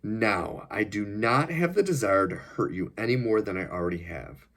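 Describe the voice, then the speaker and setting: A man reading his novel aloud, voicing a polite, formal government agent who threatens his captives in measured words. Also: lowish voice, lively intonation, fairly bright tone. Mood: cold menace. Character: cold, polite, menacing male government agent.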